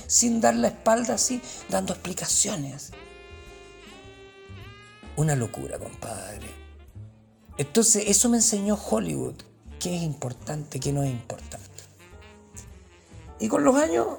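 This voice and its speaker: Gravelly Chilean man ranting sarcastically. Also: high voice, darkish tone. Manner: profane, slangy and sarcastic, mocking tone. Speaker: comedian. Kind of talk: comic rant.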